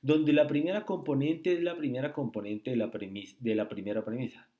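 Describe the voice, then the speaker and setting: A man tutoring logic in a screen-recorded lesson, speaking slowly and often checking with "¿sí?" and "¿listo?". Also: medium pitch, steady tone, dark tone. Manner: slow, repetitive, asks rhetorical checks.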